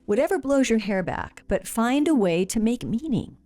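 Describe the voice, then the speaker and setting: A woman's voice: on the high side, expressive, normal speed, warm tone, soft background music. A woman hosting her own podcast, talking alone in a blunt, angry and profane way, with many fillers. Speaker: podcast host. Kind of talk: casual solo commentary.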